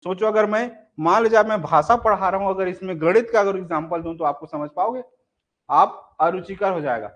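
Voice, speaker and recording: On a muffled recording, a young adult man with a high voice teaches an online exam-prep class at a moderate pace. He demonstrates example phrases by acting them out and keeps using rhetorical questions to gauge understanding.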